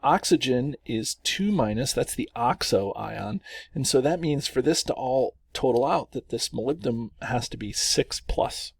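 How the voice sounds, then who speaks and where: A man's voice: medium pitch, animated, unhurried, gravelly, breathy edge, no echo, clean studio sound. A man teaching chemistry through worked examples, chatty and self-correcting, chuckling at the long names.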